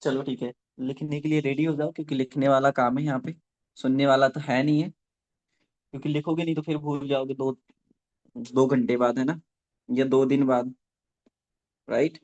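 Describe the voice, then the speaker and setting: A man running a live online training session for network marketing, dictating points slowly and checking in with listeners after nearly every sentence. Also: mid-range voice, flat delivery, a little mellow, lo-fi sound. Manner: dictates slowly for note-taking.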